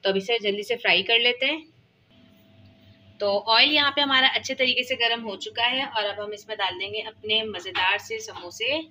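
A woman with a highish, bright, forceful voice speaks at normal speed, with a little hiss or hum in the audio. As a cooking-channel host with a Pakistani Urdu accent, she talks casually through a home recipe in her kitchen, one step at a time, leaning on frequent filler phrases.

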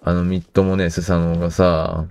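A man playing through a game and talking over it in a relaxed, joking way. His voice sits low. The asides come loose and casual. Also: normal speed, creaky. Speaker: game streamer.

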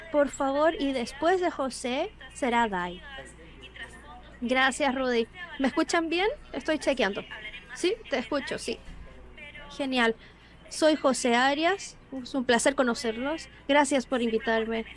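A woman giving a live interpreted voice-over of an online panel, briskly and with small word restarts and self-corrections. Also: high-pitched.

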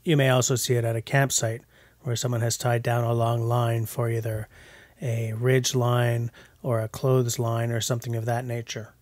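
Speaking at normal speed with little pitch movement, the man's medium-pitched voice has a darkish tone. He's a bushcraft vlogger in his forties, narrating a casual vlog voice-over with jokey self-mockery. It's a dry recording on a voice-over mic, not made outdoors.

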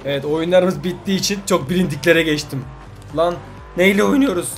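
A man giving loud, joking commentary while playing mobile games. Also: sits high, brisk, faint music behind. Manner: loud, jokey, swearing, exclaiming at the game. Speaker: gaming youtuber. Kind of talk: let's play commentary.

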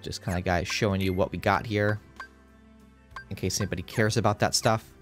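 Male let's-play host, deep voice, rambling and casual, groggy morning voice, faint game music behind. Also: steady tone, a little fast. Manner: rambling, many fillers and restarts. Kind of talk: casual gameplay commentary.

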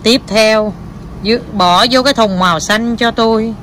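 A mother chatting with her small child in a home vlog, animated and coaxing, with English words mixed into her talk. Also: a little high, a little slow, a little hiss or hum. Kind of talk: casual home vlog chat.

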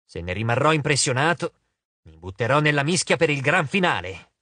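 A man's voice: medium pitch, very animated, brisk, bright, forceful tone, no room sound. A man voicing a vain, lordly male god of wine in an audiobook, drawling and dismissive. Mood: drawling, bored. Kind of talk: audiobook character voice.

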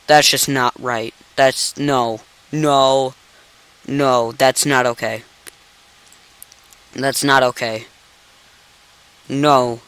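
A man's voice: medium pitch, fairly bright tone, clear, resonant tone, poor audio. A young man hosting a game commentary video, exasperated and incredulous, repeatedly exclaiming "no" as he plays at his computer. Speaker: gaming channel host. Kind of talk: let's play commentary.

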